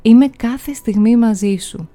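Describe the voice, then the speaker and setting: A woman voicing a gentle, sorrowful seal woman and mother spirit, speaking tenderly and gravely in a read-aloud folk tale. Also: fairly high pitch, soft background music, lightly acted.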